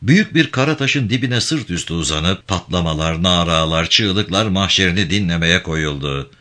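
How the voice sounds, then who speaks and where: Low-voiced dramatic male narrator. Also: moderate pace. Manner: expressive, dramatic reading. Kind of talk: audiobook narration of a novel.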